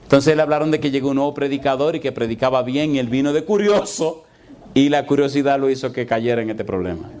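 A man's voice: medium pitch, fast, a little mellow, a little hiss or hum. A middle-aged male pastor who tells a story in his sermon, laughing often and putting questions to his congregation.

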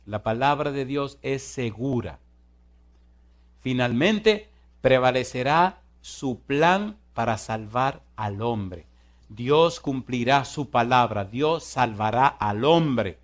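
A man preaching a sermon in an animated way, reading scripture slowly and deliberately, then swinging from loud exclamations to soft asides. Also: medium pitch.

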